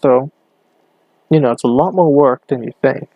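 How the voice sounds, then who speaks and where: A young man rambling hesitantly on his own podcast, talking low in his bedroom with a hand cupped over the mic. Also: normal speed, breathy edge, dry recording, phone-quality sound. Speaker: podcast host. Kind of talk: casual solo podcast. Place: bedroom at home.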